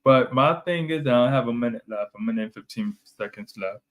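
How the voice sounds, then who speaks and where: A man's voice: mid-range voice, a little fast. A man co-hosting a casual podcast, rambling and circling back to the same phrases with many fillers. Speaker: podcast co-host. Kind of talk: casual chat.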